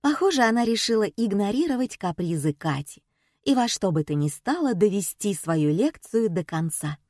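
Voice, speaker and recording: A woman narrating an audiobook in the first person, with an even, wry telling. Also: medium pitch, normal speed, dry recording, clean studio sound.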